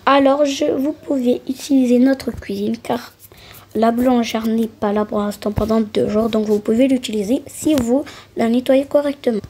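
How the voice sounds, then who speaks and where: A woman's voice: on the high side, steady tone, normal speed, mellow, slight background noise, natural voice. A woman voicing a polite, helpful male baker in a doll role-play. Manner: polite, obliging.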